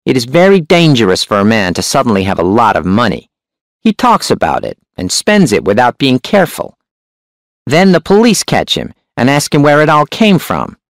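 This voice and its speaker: A man voicing a shrewd, menacing hunchback crime boss with a sharp, high voice. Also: huge pitch swings, moderate pace, no echo, clean studio sound.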